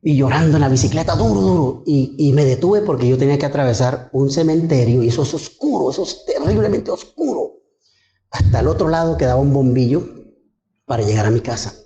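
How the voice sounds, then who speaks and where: A man's voice: medium pitch, lively intonation, fairly quick, dark tone, roomy sound, lo-fi sound. A man, a pastor preaching a sermon and fervently telling his own testimony to the congregation. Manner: fervent storytelling, addresses the congregation as brothers.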